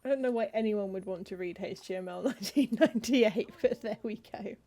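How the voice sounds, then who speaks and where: A streamer casually narrates her cozy game, mumbling through the book titles on screen as she reads them aloud and adding sardonic asides. She has a mellow, medium-pitched woman's voice and speaks a little fast.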